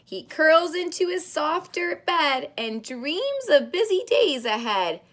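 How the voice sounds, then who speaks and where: Woman, children's storybook read-aloud, bright tone, lively swooping pitch, sing-song, drawn-out words, teacher-like delivery for small children. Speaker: daycare teacher reading a picture book to young children.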